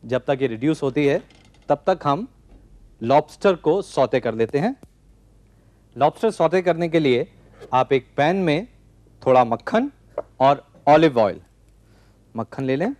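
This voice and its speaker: A man in his forties hosting a TV cooking show, calmly explaining a recipe step by step from a studio kitchen set. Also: medium pitch, no room sound. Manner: calm step-by-step instructing. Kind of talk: cooking demonstration.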